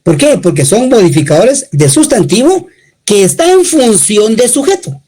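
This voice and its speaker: A woman lecturing on grammar with a warm, mellow tone. Her pitch swings widely as she stresses examples, and she breaks the explanation into short steps, pausing to check that her students are following. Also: sing-song, breathy edge, rough recording. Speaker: grammar teacher. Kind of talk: classroom lecture.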